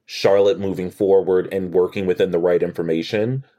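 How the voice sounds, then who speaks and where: A man's voice: low-pitched, fairly even intonation, moderate pace, warm tone. A man co-hosting a podcast, chatting and picking apart a TV episode with lots of restarts and quoted dialogue. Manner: chatty, analytical, many restarts and quoted lines. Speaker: podcast co-host. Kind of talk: casual chat recapping a TV episode.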